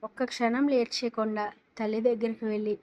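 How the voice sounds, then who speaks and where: A woman narrating a romance story in a steady, dramatic reading style. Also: on the high side, fairly quick, poor audio.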